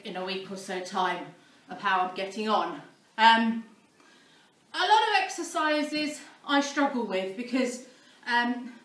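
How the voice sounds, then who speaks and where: A woman's voice: mid-range voice, pushed and bright, echoey room, far from the mic, low-quality recording. A woman filming a casual vlog about starting to exercise, a little out of breath and self-deprecating, with many ums. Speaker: vlogger documenting a fitness start. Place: barn, indoors.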